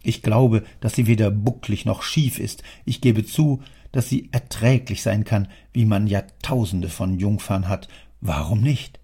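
A man voicing a stern, wealthy old father who scolds his son in an audiobook, speaking in a gravelly, husky, lecturing way. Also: on the low side, unhurried, hardly any pauses, mellow. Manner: lecturing, indignant, declamatory. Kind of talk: audiobook character reading.

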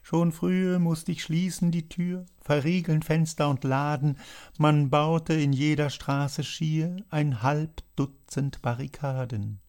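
A man voicing an agitated male writer who loudly reads out a letter in a dramatized audiobook. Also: a little high, steady tone, slow, voice pushed up. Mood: declaiming. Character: agitated male literary man announcing news.

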